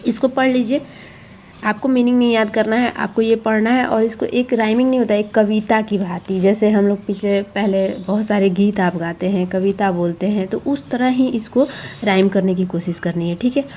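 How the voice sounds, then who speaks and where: A woman's voice: mid-range voice, steady tone, normal speed, mellow, slight background noise. A woman explaining a schoolbook to parents, coaxing and reassuring, often repeating herself.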